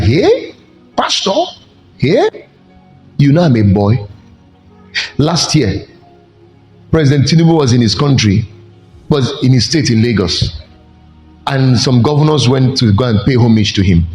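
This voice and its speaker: Animated preaching man in an echoey hall. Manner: animated preaching with sudden pitch jumps and slow emphatic stretches. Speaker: pastor. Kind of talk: sermon. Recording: echoey hall with faint music.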